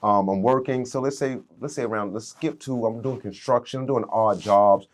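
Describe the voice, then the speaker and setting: A man in his thirties, a podcast guest, telling his life story in a casual, animated way, peppered with "man" and "dude.". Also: medium pitch, normal speed, background noise. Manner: animated storyteller, swings loud and soft, repeats "man" and "dude".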